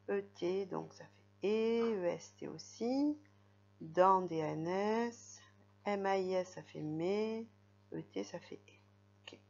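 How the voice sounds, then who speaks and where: A woman gives a reading lesson to young children. She talks slowly and patiently, spelling out letters and syllables one at a time. The recording sounds dull and lo-fi. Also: medium pitch. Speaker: teacher.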